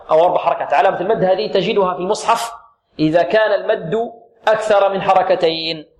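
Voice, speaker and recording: A man teaching Quran recitation rules. He asks questions and answers them himself, and he recites words slowly to demonstrate them. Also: high-pitched. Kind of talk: tajweed lesson with demonstrations.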